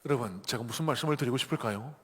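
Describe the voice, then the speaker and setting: A man's voice: medium pitch, rapid-fire, breathy edge. A man preaching a sermon as a pastor, telling stories with animation and rising to emphatic peaks. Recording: echoey church hall.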